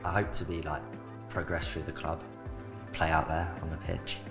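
This young South London-accented footballer from an academy, in his late teens and from south London, answers interview questions plainly and briefly with "like" as filler. His pitch is extremely low, his tone level, his speed normal. He speaks into a handheld mic in an indoor club media studio over background music.

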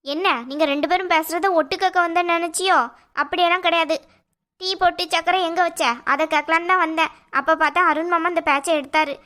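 Taunting cartoon sister-in-law, voiced by a woman, very high. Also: fairly even intonation, a little fast, pushed and bright. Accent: Tirunelveli Tamil. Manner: sarcastic, taunting. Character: meddling sly young sister-in-law, sarcastic. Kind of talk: cartoon voice acting.

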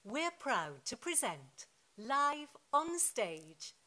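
A woman making a formal, scripted theatre announcement into a studio microphone in a deliberate show-opening style. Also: a little high, big pitch swings, sharp tone. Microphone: large studio microphone.

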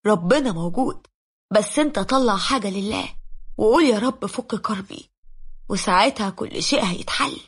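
A woman with an Egyptian accent voicing a calm male friend who keeps reassuring, in a lowered voice. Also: moderate pace, slightly rough. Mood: soothing.

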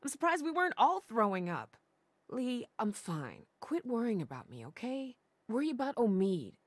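A woman's voice: fairly high pitch, sing-song, normal speed, slightly rough, no echo. An actress playing a tough, worried woman survivor in a video game, curt and insistent. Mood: irritated.

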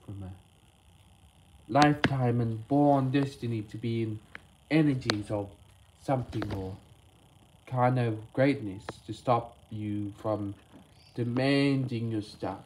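Man, homemade toy animation, voices every character, unhurried, halting, rambling. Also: mid-range voice, background noise. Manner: halting, rambling delivery with word slips. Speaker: creator voicing all characters of a toy animation. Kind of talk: homemade toy stop-motion voice acting.

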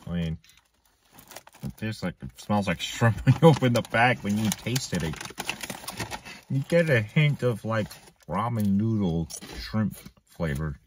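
A man's voice: lowish voice, lively intonation, measured pace, pauses often. A man in his thirties casually co-hosting a snack review in a parked car, crude and joking, crunching chips between remarks. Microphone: camera on dashboard, a little away. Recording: slightly distant, faint noise, bag crinkling.

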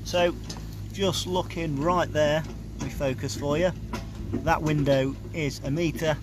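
A man's voice: fairly high pitch, fairly even intonation, slow. A young man, a bricklayer explaining his job step by step in a casual on-site vlog, recorded outdoors on a building site. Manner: plain-spoken, explains his work step by step. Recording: outdoor site noise behind the voice.

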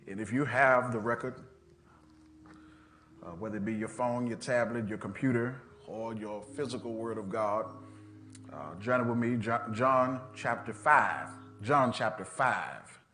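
A man's voice: medium pitch, a little slow, bright, forceful tone. A male pastor, preaching a sermon in a church with a rhythmic cadence and calling out to the congregation. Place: church sanctuary.

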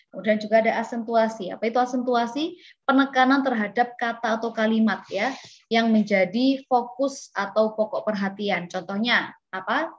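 A woman's voice: mid-range voice, dull audio. A woman giving an online class on hosting events, talking casually with many fillers and questions to her students. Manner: conversational teaching with many fillers and rhetorical questions. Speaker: MC skills trainer. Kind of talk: online webinar lesson. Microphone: video call.

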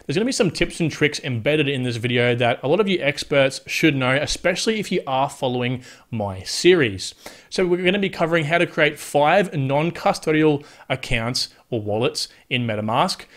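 A young man hosting a casual tutorial with a self-described monotone delivery, walking viewers through steps and often checking in with a quick question. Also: medium pitch. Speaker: host of a crypto tutorial channel. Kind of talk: casual screen-walkthrough tutorial.

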